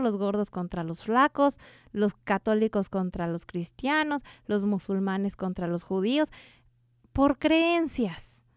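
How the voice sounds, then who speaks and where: A woman's voice: mid-range voice, a little mellow, no room sound, studio quality. A woman hosting a radio show on energy healing, talking earnestly and putting questions to the listener in a preachy way. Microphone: studio microphone.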